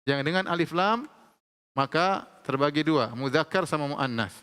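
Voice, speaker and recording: A man teaching Arabic grammar in a lecture, explaining slowly and repeating each example with frequent checks of "ya". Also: on the high side, lively intonation, fairly bright tone, clean tone. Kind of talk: classroom lecture. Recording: long hall reverb.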